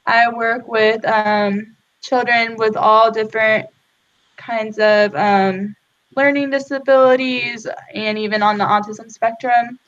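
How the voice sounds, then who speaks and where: A woman in her twenties, a special education teacher, introduces herself plainly to a graduate class. Her voice sits fairly high. The sound comes through a dull, lo-fi recording. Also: fairly even intonation, takes it slowly, a bit bright. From Indiana, USA. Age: 20s. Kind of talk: class presentation.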